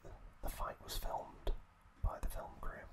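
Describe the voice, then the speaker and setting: Close to the mic, an ASMR host recaps a story in a breathy male whisper, hesitating and leaving long pauses.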